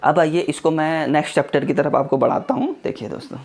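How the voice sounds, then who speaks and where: A man from India teaching Urdu letters, slowly drawing out syllables and repeating "theek hai" as he drills sounds. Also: on the high side, sing-song, vocal fry, darkish tone. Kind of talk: slow board lesson. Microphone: small clip-on mic.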